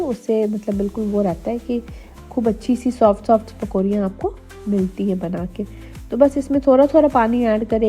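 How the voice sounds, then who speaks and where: A young woman from India, slightly hoarse from a cold, chatting to viewers in a casual cooking vlog voice-over. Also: on the high side, warm tone. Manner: chatty, addresses viewers directly. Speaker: homemaker vlogger. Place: voice-over, not recorded in the pictured kitchen. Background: faint music.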